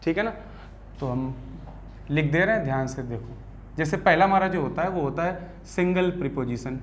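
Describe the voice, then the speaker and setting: High-voiced Indian man teaching grammar. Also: expressive, a little hiss or hum. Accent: Hindi. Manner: keeps asking the class quick check questions. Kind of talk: classroom grammar lesson.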